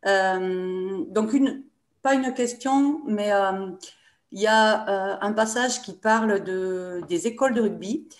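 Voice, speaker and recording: A woman's voice: mid-range voice, takes it slowly. Southern french lady from the audience, lots of ums, echoey hall. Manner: hesitant, many fillers. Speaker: audience member. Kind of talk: audience comment at a book talk. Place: talk venue. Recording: roomy echo.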